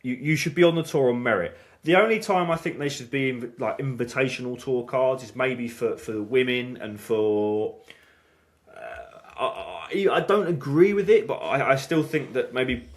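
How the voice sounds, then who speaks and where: A man with a medium-pitched, animated voice talks at normal speed. He hosts a snooker channel and chats casually on a podcast, hesitating and restarting often and using plenty of fillers as he works through his thoughts.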